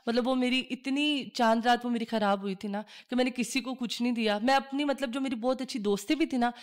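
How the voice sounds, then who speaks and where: A woman with a somewhat high voice recounts personal memories on a podcast. Her delivery is casual and animated, and she slips into the voices of the people in her stories. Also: brisk, smooth. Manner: animated storyteller who acts out quoted dialogue. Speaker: podcast host. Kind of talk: casual chat, personal storytelling.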